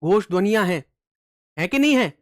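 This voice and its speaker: A man's voice: high voice, expressive, moderate pace, no echo, clean studio sound. Man drilling students with call-and-answer questions. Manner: recites letter series loudly, emphatic. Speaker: exam coaching teacher. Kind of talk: online exam-prep lesson.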